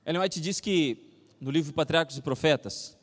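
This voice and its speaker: Brazilian male pastor, high voice, animated storyteller, echoey church sound. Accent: Brazilian Portuguese. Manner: animated storytelling, acts out dialogue, slows for scripture. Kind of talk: sermon with personal story and Bible reading. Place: church hall. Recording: reverberant church hall.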